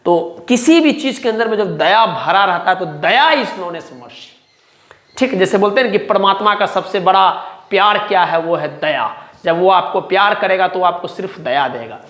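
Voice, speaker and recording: A man's voice: sits high, expressive, normal speed, fairly bright tone. Male teacher drilling words in an echoey room. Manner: repeats each word, checks "clear?" often; asks himself questions and answers them. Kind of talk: vocabulary lesson.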